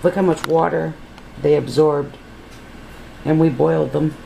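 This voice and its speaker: A woman's warm, creaky, low voice stays steady and measured as she chats through a casual how-to vlog, explaining each step and calling viewers "guys." She's in her home kitchen with an electric glass-top stove, and a pressure canner hisses steam throughout the noisy recording.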